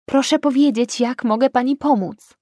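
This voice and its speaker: A woman's voice: high-pitched, moderate pace, mellow, no echo, studio quality. A woman voicing a concerned, decisive woman driver in an audiobook.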